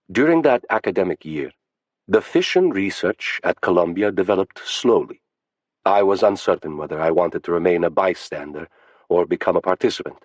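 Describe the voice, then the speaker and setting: Deep-voiced male audiobook narrator, dry close sound. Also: dry recording. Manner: steady, sober first-person reading. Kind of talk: audiobook narration of first-person testimony.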